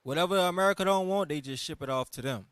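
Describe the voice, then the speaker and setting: A man with a slightly high voice, recorded dry. He leads a casual discussion, restating the news in everyday language. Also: fast, fairly bright tone, clear, resonant tone, no echo. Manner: colloquial, explains and restates plainly. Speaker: panel host directing the reader.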